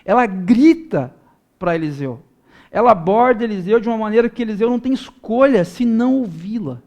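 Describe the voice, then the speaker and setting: Man, pastor, high-pitched voice, earnest sermon, rises to loud pleading. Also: expressive, fairly quick, highs cut off. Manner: earnest preaching, swelling loud in prayer-like pleas.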